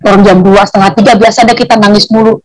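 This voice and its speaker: Speaking very fast at a medium pitch with a level tone, a woman gives her testimony of faith on a low-quality recording. It's casual, slang-filled storytelling, and she grows emotional enough that her voice occasionally breaks and turns tearful.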